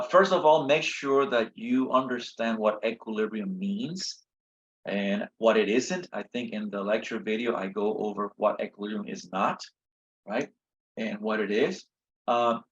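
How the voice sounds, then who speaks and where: Tired, husky-voiced man teaching a review session. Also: mid-range voice, fairly bright tone. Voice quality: husky, slightly worn voice. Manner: halting, frequent checking "okay?" and "right?". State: tired, voice a little shot. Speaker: chemistry instructor. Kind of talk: informal review lecture. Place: online video session from a computer. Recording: slightly dull lo-fi audio.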